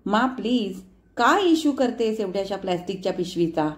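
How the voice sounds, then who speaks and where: A woman voicing a college-age daughter who answers flatly and calmly, mixing in English words. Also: mid-range voice, moderate pace, natural voice. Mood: cool dismissive. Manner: flat, unbothered, mixing in English.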